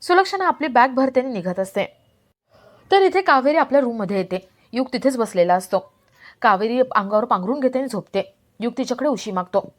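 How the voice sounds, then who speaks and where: A woman narrating a television serial episode recap in a steady storytelling manner. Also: fairly high pitch, fairly quick.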